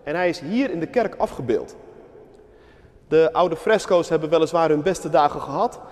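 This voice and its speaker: High-voiced man preaching in a church. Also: lively intonation, moderate pace. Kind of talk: sermon storytelling. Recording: long church reverb.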